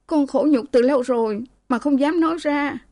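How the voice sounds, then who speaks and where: A woman's voice: fairly high pitch, a little slow, dark tone, voice pushed up, close to an everyday voice. Woman putting on a tearful beaten young wife. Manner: raised, pleading, tearful delivery.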